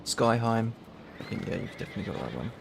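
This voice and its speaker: A man's voice: lowish voice, big pitch swings, quick pace, vocal fry, a little hiss or hum. A man with a London accent, casually reading through a list of game mods with a friend. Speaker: streamer. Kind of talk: casual gaming chat.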